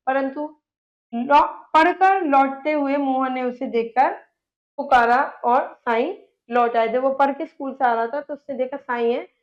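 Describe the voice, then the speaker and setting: A woman teacher reading a story aloud and restating each part in simple words for children. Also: sits high. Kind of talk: reading and explaining a textbook story. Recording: dull lo-fi sound.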